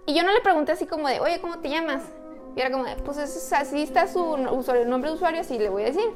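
High-voiced Mexican woman chatting. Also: fast, over music. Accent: Mexican Spanish. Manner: chatty, slangy storytelling. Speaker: podcast co-host. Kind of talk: casual chat.

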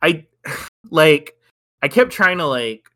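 Rambling young man, bright voice. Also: fairly high pitch, animated, slow. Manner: rambling, hedging with lots of "like", laughs often. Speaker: podcast co-host. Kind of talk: casual film review chat.

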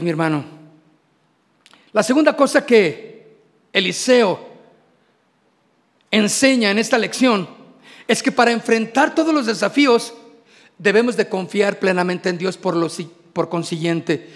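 A middle-aged man, preaching an animated sermon as pastor to his congregation. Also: high voice. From Mexico. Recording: long hall reverb.

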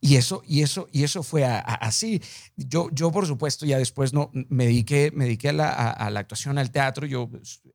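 A man with a Mexican accent interviewing a guest, telling stories in an expressive, theatrical way full of slang. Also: medium pitch, brisk, vocal fry. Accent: Mexican Spanish. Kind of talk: animated conversational interview.

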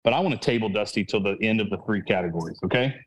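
Speaking rapid-fire in an animated, lowish voice over a rough recording, a man hosts a casual sports podcast. A father, he rambles while thinking aloud, constantly restarting and correcting himself.

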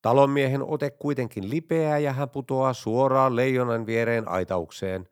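A man reading a string of jokes in an even, deadpan storytelling manner. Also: medium pitch, clear, resonant tone, no room sound, studio quality. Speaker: joke narrator. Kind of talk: scripted joke reading.

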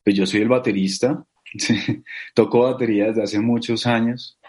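A man's voice: medium pitch, fairly even intonation, moderate pace, a little mellow, slightly rough. A man with a Bogotá Colombian accent, speaking as an interview guest in a casual, hesitant way with many fillers. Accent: Bogotá Colombian Spanish. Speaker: guest, company co-founder.

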